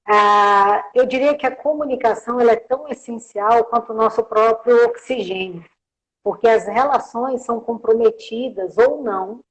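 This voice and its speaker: A woman's voice: on the high side, rough recording. A woman, a guest on a live-streamed interview, explaining her points with everyday examples and frequent filler tags. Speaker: guest communication professional.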